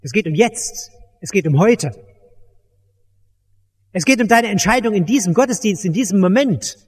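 A man's voice: high voice, animated, normal speed, breathy edge. A man preaching an evangelistic sermon at a church service, urgent and commanding, with emphatic repetition. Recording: echoey church hall.

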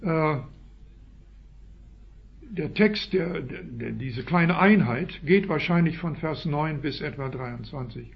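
A man with a Swiss German accent delivers a sermon in a slightly high voice. He punches out key phrases with sudden loud rises, then sinks into quiet asides, captured on a dull, lo-fi recording. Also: expressive, slow, vocal fry. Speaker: preacher.

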